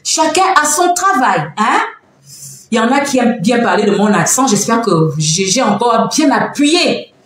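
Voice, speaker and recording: A woman hosting a casual live stream from home, talking in an animated, teasing way and laughing often. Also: fairly high pitch, normal speed. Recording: very echoey room, faint background noise.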